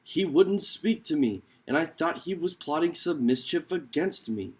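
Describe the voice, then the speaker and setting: A man plays an aggrieved storybook python. The snake is male and slightly high in pitch, complaining suspiciously and making excuses. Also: expressive, a little slow, darkish tone, husky.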